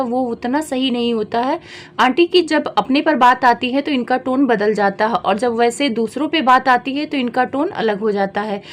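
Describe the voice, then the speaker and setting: A woman vlogger talking straight to her viewers and scolding the people she reacts to in a chatty, pointed way. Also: on the high side. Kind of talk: reaction commentary vlog.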